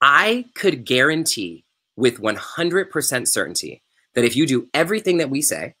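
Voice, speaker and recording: A man coaching yoga teachers on a live webinar, talking the way he would with friends. His delivery is emphatic and conversational, and he repeats his main points for weight. His voice sits at an ordinary middle pitch. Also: big pitch swings, normal speed, bright, forceful tone, husky. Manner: casual and unpolished by choice.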